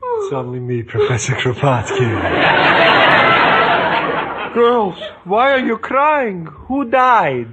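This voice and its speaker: A man's voice: sits high, wildly swooping pitch, a loud crowd, heavily acted. An actor playing a fatherly, emotional old professor, comically mournful, in a 1940s radio sitcom. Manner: emotional, affectionate, drawn-out. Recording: noisy old radio recording, loud studio audience.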